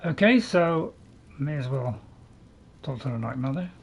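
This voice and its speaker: A man's voice: medium pitch, animated, a little slow, slightly rough. A man giving casual gameplay commentary in a hesitant, chatty, repetitive way. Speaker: game streamer.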